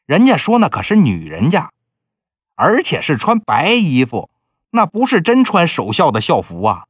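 A man's voice: a little high, huge pitch swings, normal speed, husky, dry recording, clean studio sound, voice pushed up, heavily acted. A man voicing a shrewd, chatty older woman slave broker who talks in a nosy, teasing way. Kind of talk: storytelling with character voices.

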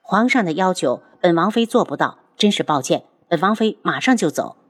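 A woman's voice: lowish voice, lively intonation, brisk, no echo, clean studio sound. A woman voicing a cold, proud princess consort who speaks in an icy, clipped way.

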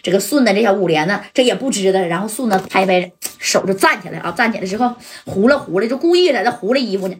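A woman, telling a gangster tale in lively, colloquial style, often asking listeners questions. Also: medium pitch, fast, few pauses, slight background noise. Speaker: storyteller.

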